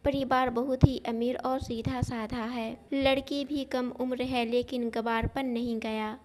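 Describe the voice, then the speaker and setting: A bossy, scornful middle-aged mother-in-law, put on by a woman reading a storybook. She speaks in a rather high voice that stays level, with little rise and fall. Her manner is cutting and domineering. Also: level tone, measured pace, close to an everyday voice. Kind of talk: storybook narration.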